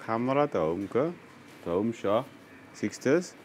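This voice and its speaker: A man's voice: mid-range voice, animated, moderate pace, a little mellow, slight background noise. A man in his fifties with a Styrian Austrian accent, a carpenter chatting casually and repeating himself, in city streets and on a train. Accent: Styrian Austrian German. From Austria, near Graz. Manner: chatty, repetitive, exclaims "ein Wahnsinn". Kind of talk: casual chat, broken simple phrasing to foreigners.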